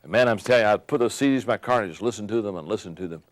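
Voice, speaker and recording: An older man giving a motivational leadership lesson, emphatic and repeating key phrases, slowing down for effect. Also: on the low side, no echo. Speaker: leadership teacher. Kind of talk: motivational teaching talk.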